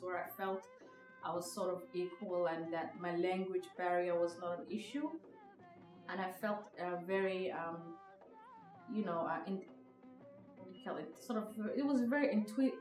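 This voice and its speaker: Her voice is on the low side and slightly mellow, heard through a distant mic in a reverberant room over background music. The speaker, a Somali visual artist in her thirties appearing on a podcast, shares her personal story in a reflective, tentative manner with frequent fillers and restarts.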